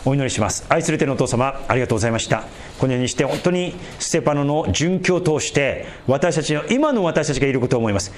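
A male pastor giving an emphatic, animated sermon. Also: mid-range voice, fast, a little hiss or hum.

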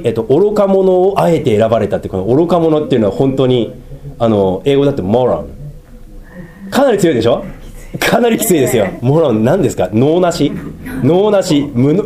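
A man preaching a sermon. He drags out key phrases slowly for emphasis, then rushes through asides and sometimes laughs at himself. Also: mid-range voice. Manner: animated, swings between slow emphatic phrases and quick asides, laughs at himself. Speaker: pastor.

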